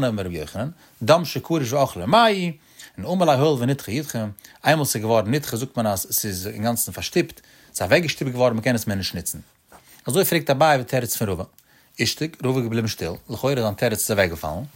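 A man giving a traditional Talmud study lecture, in a sing-song, emphatic delivery with animated rises. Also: mid-range voice, breathy edge. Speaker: Talmud teacher.

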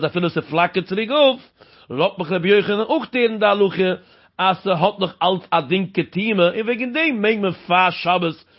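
A man works through a Talmud passage in a sing-song teaching cadence. He keeps posing rhetorical questions and answering them himself. The recording sounds dull and lo-fi. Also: high voice. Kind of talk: Talmud study lecture.

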